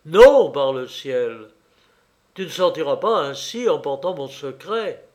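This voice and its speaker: A man's voice: a little high, big pitch swings, slow. A man reading a storybook aloud, voicing a scheming, hot-tempered prince who commands and threatens. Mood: furious. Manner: commanding, shouting in anger.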